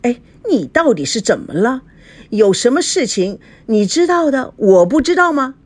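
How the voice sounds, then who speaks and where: A proud, quick-tempered young fiancé argues in an indignant voice that leaps up and down, as a woman reads him aloud. He stays heated and resentful in this spoken story. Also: on the high side, very animated, voice pushed up. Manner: indignant, angry.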